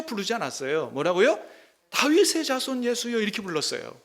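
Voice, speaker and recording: A man's voice: on the high side, fairly bright tone. A middle-aged male pastor preaching a sermon, emphatic and often putting questions to the congregation.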